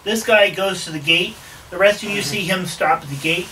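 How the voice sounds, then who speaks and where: A game master narrating a tabletop game in a relaxed way, with fillers and frequent laughs. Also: medium pitch, normal speed. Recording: distant mic with hiss.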